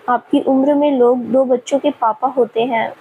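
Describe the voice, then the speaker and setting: Brief: gentle young female student, read by a woman narrator, high voice. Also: steady tone, moderate pace, narrow, tinny audio, a little hiss or hum. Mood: playful. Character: young woman student, shy then playful.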